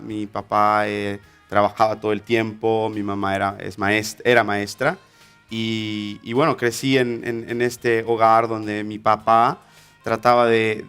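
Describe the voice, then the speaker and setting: This ministry instructor from Honduras, in his 20s, recounts his life story as a guest in an interview, giving a personal testimony. His voice runs on the low side, clean and a bit bright, and his telling is hesitant, full of fillers and false starts.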